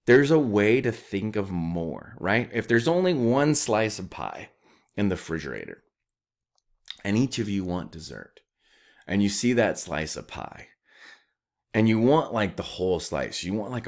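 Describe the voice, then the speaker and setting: A man's voice: fairly low pitch, a little mellow. A man giving a casual recorded lecture, talking conversationally with many fillers and acting out quoted exchanges. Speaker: instructor.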